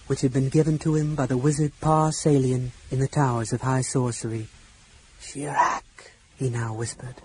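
A man's voice: mid-range voice, a little hiss or hum, rough recording. Man reading a fantasy audiobook. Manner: voices characters with shouts and hushed whispers. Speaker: audiobook narrator.

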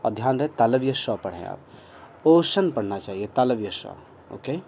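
A man's voice: medium pitch, expressive, moderate pace, a little mellow, slight background noise. A man teaching an online English lesson, spelling words out letter by letter and switching between Hindi and English with encouraging remarks.

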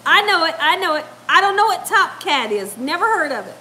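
A middle-aged woman, hosting a casual livestream from her home kitchen and reading out chat, laughing often and chatting in an animated way. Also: very high-pitched, a little fast, slight background noise. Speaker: cooking channel host reading live chat. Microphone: lapel mic.

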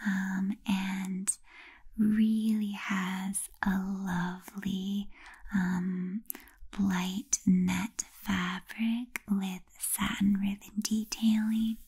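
A young woman whispering softly and slowly in an ASMR video, with a breathy, unvoiced delivery. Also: mid-range voice. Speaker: ASMR creator.

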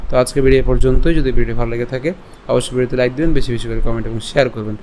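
A man teaching a class on Sanskrit verse pronunciation, breaking words into syllables slowly and chanting the verse in a melody. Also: mid-range voice, steady tone, a little mellow, slight background noise. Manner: slow, syllable-by-syllable demonstration of verse. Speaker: Gita recitation teacher.

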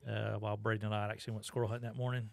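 A low, gravelly man talks into a boom mic in a shop, folksy and rambling with plenty of "uh"s. His chat is easygoing and unhurried. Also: little pitch movement. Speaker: podcast co-host. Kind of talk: casual chat. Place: fly shop, indoors. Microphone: boom mic with headphones.

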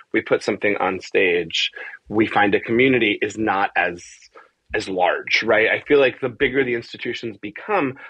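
In a video call from a small, bare indoor room, a middle-aged man who works as a theater composer, music director and adapter chats through interview answers, repeating words and checking in with "right?". He was born in Argentina and grew up in the US from age four. His fairly low voice is a bit bright with a breathy edge; the audio is poor but echo-free.

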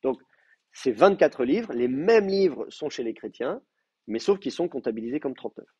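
A man lectures a class, his pitch rising and falling in a lively, animated way over a mellow, slightly husky tone. He explains things patiently step by step, with plenty of hesitations, and the sound is dull and lo-fi, like a simple classroom recording. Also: moderate pace. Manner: explains step by step with many fillers and checks with students.

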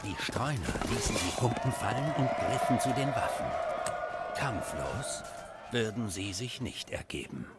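An actor playing a grave storyteller, narrating a fantasy video game like a storybook. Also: male voice, fairly low pitch, lively intonation, measured pace, heavy background noise. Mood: grave, dramatic. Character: grave male storyteller of a war tale.

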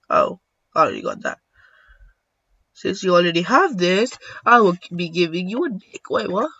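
A young man giving casual gameplay commentary, muttering to himself and bursting into excited shouts. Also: high voice, vocal fry, slightly rough, dry recording, highs cut off. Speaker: gaming YouTuber.

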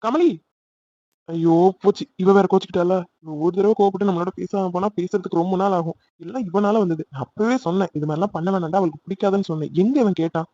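Male voice for anxious cartoon big brother, rapid, warm-toned, lo-fi. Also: high-pitched, dry recording. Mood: fretful. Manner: fretful, placating. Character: fussing older brother and friend.

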